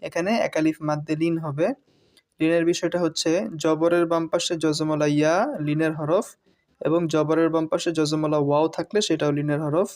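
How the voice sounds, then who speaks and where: Recitation teacher, mid-pitched and flat in tone, who explains patiently and draws each recited word out long. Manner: explains rules, then recites words slowly with long drawn vowels. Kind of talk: step-by-step recitation lesson.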